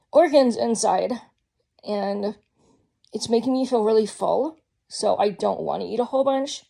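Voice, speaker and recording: A woman's voice: mid-range voice, creaky, dark tone. A woman talking candidly in a casual personal vlog, rambling with frequent ums. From Georgia, US. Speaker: vlogger.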